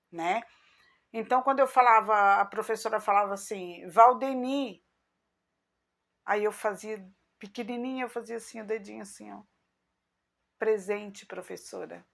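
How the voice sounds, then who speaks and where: A middle-aged woman with a Brazilian accent shares personal memories with her channel audience. She talks at an easy, unhurried pace in a mid-range voice. She slips into little reenactments of remembered conversations. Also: medium pitch, a bit bright. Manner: unhurried, chatty, acts out remembered dialogue. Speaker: vlogger. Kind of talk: personal storytelling to followers.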